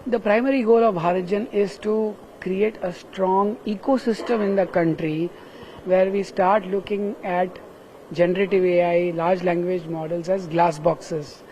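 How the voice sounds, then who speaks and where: Interviewed amid the bustle of a tech summit, this Indian English-accented professor from Kerala walks through his work one step at a time, sincere and peppered with "right?" tags. His voice is high, steady and a little mellow at a measured pace, captured in a rough recording with some hiss or hum.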